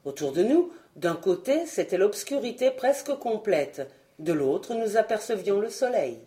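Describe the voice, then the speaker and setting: A woman's voice: medium pitch, big pitch swings, measured pace, mellow. A woman reading a novel aloud as an audiobook, narrating expressively in the first person. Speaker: audiobook reader.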